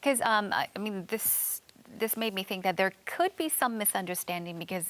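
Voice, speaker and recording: A woman's voice: medium pitch, expressive, moderate pace. A woman interviewing a guest in a studio, attentive and conversational as she asks questions and acknowledges answers. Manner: attentive, with frequent short acknowledgements. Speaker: interviewer on a TV show.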